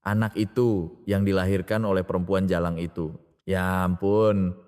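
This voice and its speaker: A man voicing a spiteful young wife with a sharp, mocking tongue, in a storybook reading with long reverb. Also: sits low, level tone, normal speed, clear, resonant tone, natural voice. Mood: sneering.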